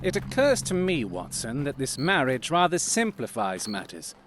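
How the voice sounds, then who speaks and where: An actor playing Sherlock Holmes as a shrewd, confident gentleman detective, precise and theatrical in an audio drama. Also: mid-range voice, huge pitch swings, normal speed, slight background noise. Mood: analytical, assured. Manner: precise, instructing, theatrical delivery.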